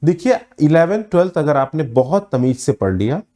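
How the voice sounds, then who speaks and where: A man teaching a live online class, speaking emphatically with drawn-out words and pauses, mixing English terms in and addressing students as friends. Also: a little high, sing-song, mellow. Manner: mixes English words into the talk. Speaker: online exam-prep teacher.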